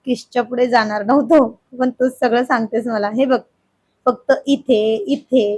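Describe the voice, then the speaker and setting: A woman voicing a playful, teasing young husband in a storybook reading, in a husky voice. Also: fairly high pitch, fairly even intonation, moderate pace, darkish tone, dry recording. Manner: teasing, coaxing.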